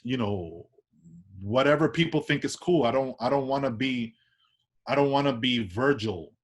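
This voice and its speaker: With lively intonation and a moderate pace, a New York-accented artist from Washington Heights rambles easily through a casual interview. His voice is at an ordinary pitch, and he keeps starting over and adding tag questions.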